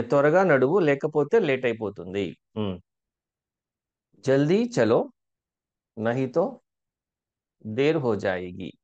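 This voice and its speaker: Man, language teacher, lively pitch, question-and-repeat drilling, muffled lo-fi audio. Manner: asks learners questions and has them repeat phrases slowly. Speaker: spoken Hindi teacher. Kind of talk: language lesson, drilling example sentences.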